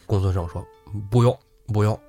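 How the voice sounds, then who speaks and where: A low-voiced man tells a classic tale in a relaxed, chatty podcast style. He laughs often and slips into the characters' voices. Faint music sits behind him. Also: fairly quick. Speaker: host storyteller. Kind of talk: casual storytelling podcast.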